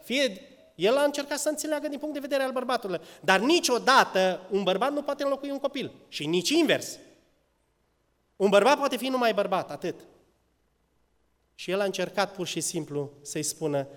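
Impassioned male preacher in a hall. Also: fairly high pitch. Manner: impassioned, swings between loud exclamations and hushed asides. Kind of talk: sermon. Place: church. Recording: church hall with long reverb.

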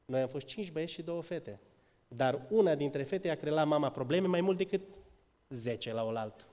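Guy preaching a passionate sermon, kinda high voice, long church reverb. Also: lively intonation. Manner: impassioned, swings between loud exclamations and hushed asides.

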